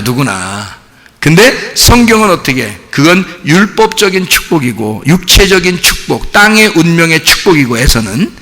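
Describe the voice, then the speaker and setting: A pastor preaching a sermon, telling the story animatedly and asking the congregation questions. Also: male voice, on the high side, pushed and bright. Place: church sanctuary. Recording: echoey church hall.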